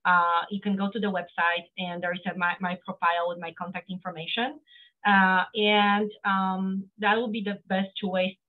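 A middle-aged accountant from Poland talks casually as an interview guest over a video call from her home office, in a Polish accent. Her medium-pitched delivery is flat at a moderate pace, earnest yet full of fillers and restarts, and the recording sounds narrow, like a phone.

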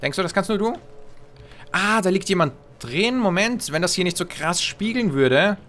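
A man's voice: high-pitched, expressive, normal speed, a bit bright, soft background music. A man giving joking, playful commentary on a shooter game, talking to the enemies and to his teammates. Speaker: let's play host. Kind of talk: gameplay commentary.

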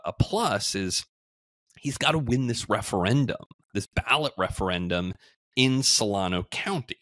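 Low-voiced man explaining housing plans. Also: fairly bright tone, dry recording. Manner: measured explanatory, frequent "um" and "you know". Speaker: podcast guest, housing entrepreneur. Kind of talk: conversational interview. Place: home room, remote video call.

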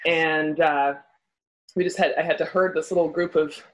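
A woman guest on a casual podcast, telling stories in an animated, playful way. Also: deep voice, normal speed. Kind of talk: casual chat.

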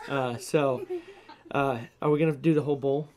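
A woman's voice: a bass voice, steady tone, moderate pace, darkish tone. A woman hosting a casual home food-challenge vlog, chatting and laughing between bites. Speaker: vlog host.

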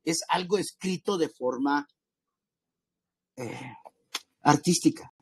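A man teaching a church ministry class in a loose, chatty way, often restarting his sentences. His voice sits a little high and sounds husky. The recording is close and dry, with no room echo. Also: slow pace. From Guatemala. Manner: conversational, addresses listeners as brothers, many restarts and asides. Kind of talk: informal Bible class lecture.

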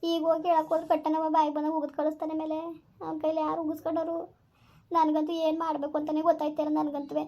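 A woman's voice: high voice, monotone, fast talker, dark tone. A woman playing an anxious middle-aged village mother, in a village comedy skit. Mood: despairing. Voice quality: wailing, fretful lament.

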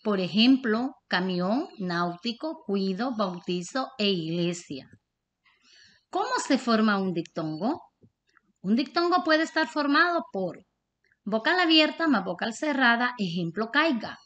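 A woman teacher with a Honduran Spanish accent, reading a scripted lesson in a slow, deliberate way. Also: on the high side, sing-song, a bit bright, lo-fi sound.

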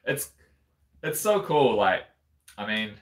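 A man with a very low voice co-hosting a relaxed livestream. He talks in a loose, easygoing way, often repeating words and leaning on "like". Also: slow pace. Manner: laid-back, repeats words, says "like" a lot. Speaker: livestream co-host. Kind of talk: casual livestream chat.

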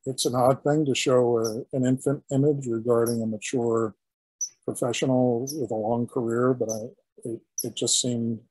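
An older man, a historian, giving an illustrated lecture in a halting, explanatory way with frequent restarts. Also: medium pitch, dark tone, breathy edge, dry recording, low-quality recording. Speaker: historian giving a guest talk.

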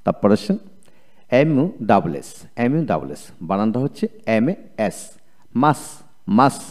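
A man's voice: lowish voice, sing-song, a little mellow. A man with a Bengali accent teaching English spelling in a video lecture, drilling each word letter by letter and repeating it. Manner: slow, repetitive letter-by-letter drilling.

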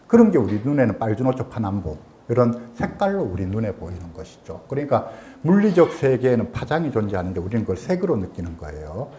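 A man's voice: fairly low pitch, fast, few pauses, a little hiss or hum. A man, a psychologist giving a lecture and acting out quoted thoughts in a raised voice. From South Korea. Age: 60s. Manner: acts out quoted thoughts in raised voice, lively explanatory. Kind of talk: lecture on empathic listening. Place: lecture hall.

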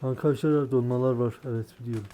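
Young man playing games, kinda sick voice, cursing a lot, dark mellow tone, slight hiss behind. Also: mid-range voice, fairly even intonation, quick pace. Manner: frustrated, swearing, bursts into shouting. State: sick, voice worn. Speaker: gaming YouTuber. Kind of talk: gameplay commentary.

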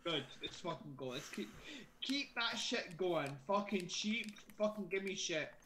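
A Scottish man with a bright, forceful voice talks drunkenly through a gaming session. He rambles, repeats himself and swears constantly in loose, casual chat. There is faint noise and clicking on the recording. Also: high voice, animated, unhurried. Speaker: gamer playing Minecraft with a friend.

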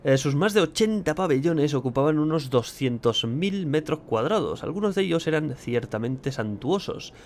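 A man's voice: a little high, lively intonation, moderate pace, hardly any pauses, slight background noise. A young man, commentating his gameplay casually, joking and swearing. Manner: chatty and joking, swears a lot. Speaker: gameplay streamer.

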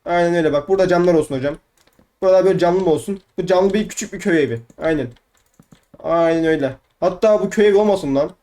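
A man's voice: sits high, rapid-fire, dark tone. A young man giving casual let's-play commentary, chatty and playfully swearing, often repeating words over and over. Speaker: gaming YouTuber.

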